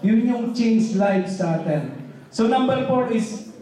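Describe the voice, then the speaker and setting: A man preaches a loose, conversational sermon, tossing rhetorical questions at the congregation. His voice sits high but sounds dark and mellow. It rings through a very echoey church hall and is picked up from well back from the mic. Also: lively intonation, takes it slowly, recorded from a distance. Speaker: pastor.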